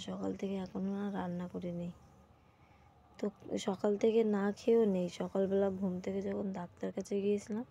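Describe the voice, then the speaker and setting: A woman's voice: mid-range voice, gravelly, mellow, slight background noise. Tired, unwell woman vlogging from home. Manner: tired and unwell, talking through her day. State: sick, sore throat. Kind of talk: casual daily vlog. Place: at home, indoors.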